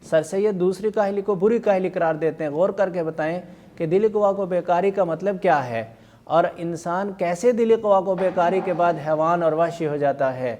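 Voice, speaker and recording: Man teaching a slow careful language lesson. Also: high voice, darkish tone, slight background noise. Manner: slow, careful dictation of words and vowel marks; repeats words to drill pronunciation. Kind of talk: online Urdu lesson.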